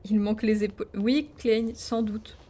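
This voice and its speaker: A woman streams a video game live, playfully chatting with her viewers and letting out plenty of exclamations. Her voice is mid-range, mellow and steady, at a moderate pace.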